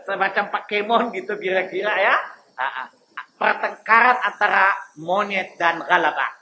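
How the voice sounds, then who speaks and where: A man's voice: high-pitched, expressive, moderate pace, sharp tone, a little hiss or hum, low-quality recording. A male preacher teaching a sermon lesson in a mosque, joking and asking his listeners questions as he goes. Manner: joking, asks the audience questions.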